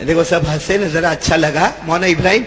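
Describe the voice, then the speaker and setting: A man preaching to a live gathering. He jokes, quizzes the crowd, and swings between soft asides and shouts. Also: on the high side, steady tone, big-room sound, a little hiss or hum. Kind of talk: lively storytelling sermon. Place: live religious gathering with a stage.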